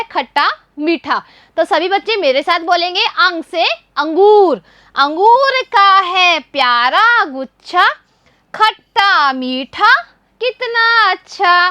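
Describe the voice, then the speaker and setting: Woman teacher for young kids, high and bright, patient call-and-response, dry close recording. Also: no room sound. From India. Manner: patient, repeats questions and answers for young children. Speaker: primary school teacher. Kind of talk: children's Hindi writing lesson.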